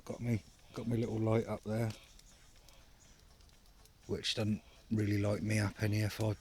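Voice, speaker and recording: A man's voice: lowish voice, level tone, a little slow, a little mellow. A man vlogging from his hammock at a night camp, chatting casually with lots of fillers and banter. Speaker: bushcraft vlogger. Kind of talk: casual outdoor vlog chat.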